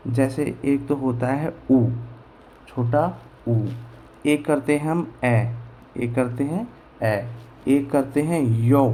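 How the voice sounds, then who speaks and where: This man's voice is medium-pitched and mellow, heard through poor audio with a little hiss or hum. Teaching English pronunciation slowly in Hindi, classroom-style, he spells words one letter at a time and answers the questions he raises himself.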